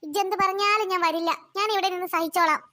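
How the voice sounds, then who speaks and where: A woman's voice: very high-pitched, steady tone, quick pace, pushed and bright, dry recording. A woman voicing a fussy, stubborn old woman with a toothache in a cartoon. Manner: whiny, moaning, stubborn. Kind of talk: cartoon voice acting.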